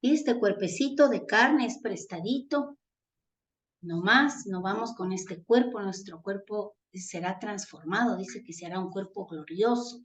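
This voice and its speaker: A woman's voice: mid-range voice, measured pace, dull audio. A woman from Ecuador preaching a sermon, earnest and tender, calling her listeners family. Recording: echoey room.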